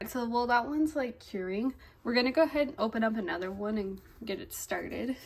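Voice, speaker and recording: Here a slightly congested young woman chats her way through a toy unboxing vlog, casual and easily thrilled, leaning on fillers like "like" and "um." Her voice sits on the high side at a fairly quick pace, with slight background noise.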